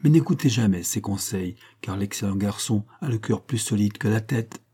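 A man reads as a seasoned painter in a storybook who counsels a young wife in a calm, confiding way. The voice is low and mellow with a husky edge. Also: moderate pace. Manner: confiding, gently advising. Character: Parisian painter, older friend, measured and warm.

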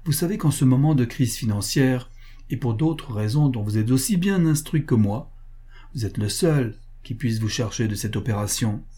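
A man reading as a pleading, flattering prince. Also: medium pitch, moderate pace, breathy edge. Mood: urgent. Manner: urgent and ingratiating. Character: anxious, pleading male prince, insinuating.

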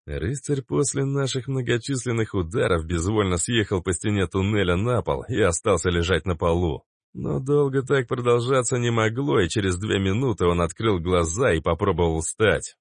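A male audiobook narrator telling a first-person story in a measured way. His voice is low. The recording is dry and close, with no room sound. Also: no room sound.

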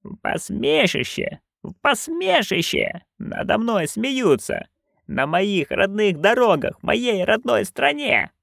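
A seething old witch woman with a quick temper and a proud bearing, as a male storyteller puts her on. She hisses and growls her words slowly, low and gravelly, with the voice leaping in sudden swells. A dry, close audiobook sound. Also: very animated, a bit bright, dry recording, heavily acted. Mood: raging. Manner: hissing, growling, slow and low.

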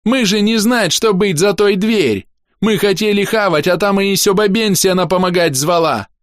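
Man doing a goblin, squeaky, shrill, broken grammar, crude, dry close sound. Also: normal speed, dry recording, lightly acted. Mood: frantic.

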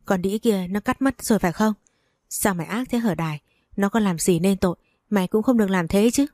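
A woman's voice: medium pitch, brisk, warm tone, no echo, clean studio sound, close to an everyday voice. A woman voicing a scolding, accusing old mother-in-law with nagging reproaches in a storybook reading.

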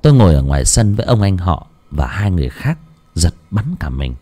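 Brief: male storyteller, lowish voice with lively swinging pitch, scripted ghost story narration. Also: a little fast, noisy background. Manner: lively, dramatic telling with shifting pitch.

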